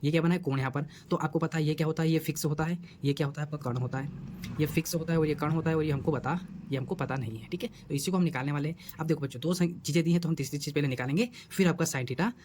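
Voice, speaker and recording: A male teacher walks students through a math problem at a brisk clip. His voice sits slightly high, and he coaxes them with repeated questions that he then answers. A faint hum sits under the recording. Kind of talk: whiteboard math lesson.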